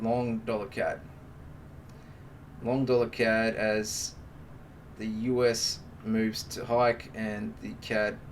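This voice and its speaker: A man's voice: on the low side, far from the mic, a little hiss or hum. A man hosting a trading live stream, giving casual, joking market commentary and calling viewers "mate". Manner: chatty and joking, talks to the viewers as mates.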